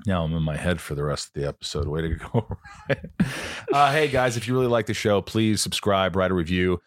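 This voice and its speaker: Low-voiced man hosting a podcast. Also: a little fast, slight background noise. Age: 40s. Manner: animated, jokey storytelling. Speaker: podcast host. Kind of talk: casual podcast chat.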